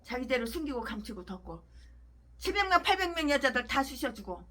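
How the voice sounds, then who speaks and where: A woman pastor delivering an angry preaching rant, trading crude insults and swinging between shouts and low mutters. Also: sing-song, fairly quick.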